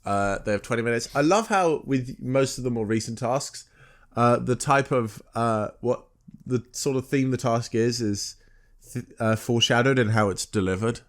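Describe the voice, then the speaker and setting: A man co-hosting a podcast in casual chat, talking haltingly with many fillers and restarts as he recaps a TV episode. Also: medium pitch. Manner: halting, filler-heavy, self-correcting. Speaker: podcast co-host.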